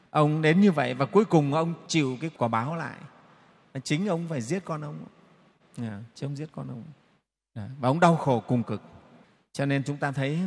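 A man giving a Buddhist dharma talk, telling a story in a folksy way and tagging his sentences as he goes. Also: on the high side. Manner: folksy storytelling with frequent "đấy" tags. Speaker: Buddhist teacher. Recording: long reverb of a hall.

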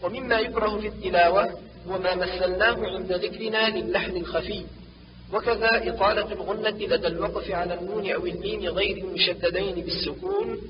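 A man teaching the rules of Quran recitation, reading them out and chanting short examples slowly. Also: sits high, a crowd in the background. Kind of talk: instructional reading. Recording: distant, lo-fi, with long reverb and clear background noise.

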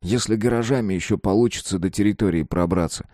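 A man's voice: on the low side, fast, warm tone, no echo, clean studio sound, close to an everyday voice. A man voicing an earnest, dutiful teenage boy who answers in short clipped phrases in an audiobook.

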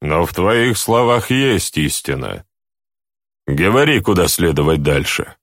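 A man's voice: low voice, big pitch swings, unhurried, no echo, studio quality, full character voice. A man voicing a lanky male demon who speaks in a formal, grave way in a storybook reading. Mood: solemn.

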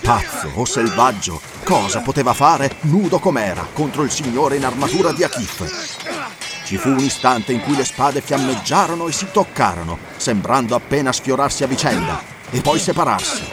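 A man reading an audiobook in steady, measured scripted narration. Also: mid-range voice, music in the background.

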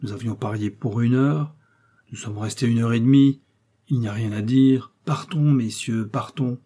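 A sardonic noble musketeer from a read-aloud novel, dry and commanding, as a man reading puts him on. The voice is dark and mellow with a husky grain. He speaks coolly and without hurry. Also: mid-range voice, moderate pace, lightly acted. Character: proud, sardonic noble musketeer, cool and unhurried.

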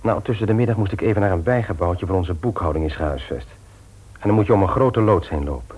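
A husky, low male voice with a darkish tone talks fast in this Dutch radio play, delivered in a natural, naturalistic acting style. He portrays a troubled but conscientious office worker and family man who plays the jovial host, sounding earnest, hesitant, casual, and confiding.

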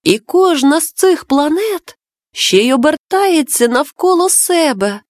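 A woman's voice: high voice, very animated, a little slow, no echo, clean studio sound, voice pushed up. A woman voicing a clever, bossy little boy in a storybook reading, eagerly explaining things to his friend.

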